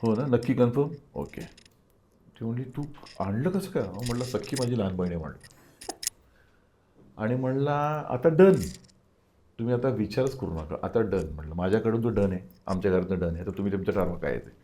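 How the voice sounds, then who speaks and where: A man's voice: lowish voice, fast talker, mellow, slight background noise. An older man, an interview guest, telling a personal story and acting out the dialogue of the people in it.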